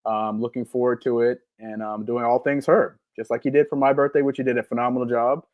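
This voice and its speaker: A man in his forties with a Southern US accent, co-hosting a live podcast in relaxed, rambling casual chat with many filler ums. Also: medium pitch, a little fast, no echo, phone-quality sound. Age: 40s. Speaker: podcast co-host.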